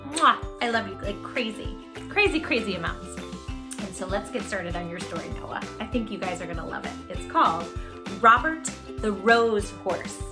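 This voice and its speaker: With music playing in the background, a woman hosts storytime for young children, reading a picture book expressively and addressing her audience effusively. Her mid-range voice is animated and moves at a moderate pace.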